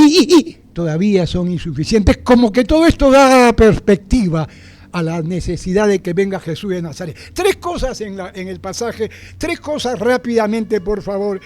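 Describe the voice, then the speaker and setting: High-voiced animated male pastor preaching. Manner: animated, repeats phrases for emphasis, asks the congregation questions. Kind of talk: sermon.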